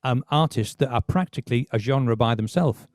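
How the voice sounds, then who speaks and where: A man's voice: mid-range voice, normal speed, dry recording, clean studio sound. A man hosting a podcast, talking casually about music with many restarts. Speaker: podcast host.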